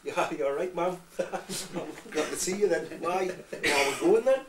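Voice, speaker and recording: A man's voice: on the high side, lively intonation, a little slow, noisy background, voice pushed up. Brief: cheeky Geordie boy, breezy backchat, put on by a man, heard distantly. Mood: cheery. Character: cheeky young boy from Tyneside. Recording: echoey room, far from mic.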